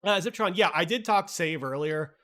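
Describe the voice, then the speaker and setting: Young male streamer, loose and chatty, swears freely, slightly higher voice, talks back to chat. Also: lively intonation, moderate pace, sharp tone. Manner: chatty, reads chat, frequent "like" and "right?"; blunt and profane. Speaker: livestream host. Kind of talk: casual market recap talk.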